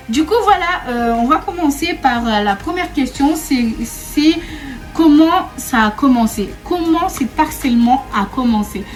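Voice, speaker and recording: A young woman from Réunion tells a story to her camera in a loose, chatty way, and her voice sits a little higher than most. She circles back over her own words, laughs easily and keeps talking straight to her followers. Quiet music plays underneath. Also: animated, a little slow. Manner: chatty and repetitive, often laughing, calls viewers 'mes go'. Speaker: vlogger. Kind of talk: casual storytime chat to camera.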